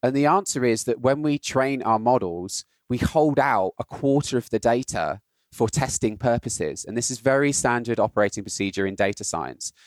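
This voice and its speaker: A man's voice: mid-range voice, lively intonation, normal speed, dry recording. British male guest, explanatory podcast chat, tags points with "right?", dead-dry mic. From Britain. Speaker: guest, health data scientist. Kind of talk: casual podcast conversation.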